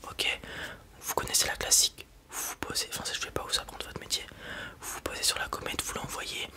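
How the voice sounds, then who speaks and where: Unhurried and unsure, a hushed whisper delivers this ASMR sales roleplay, with the performer cast as a wandering robot salesperson out in space.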